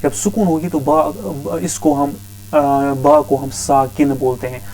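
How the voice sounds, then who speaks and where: Slow, flat-voiced male language teacher. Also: medium pitch, slight background noise, poor audio. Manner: patient, repeats each term several times. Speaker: Arabic teacher. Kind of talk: grammar lesson explanation.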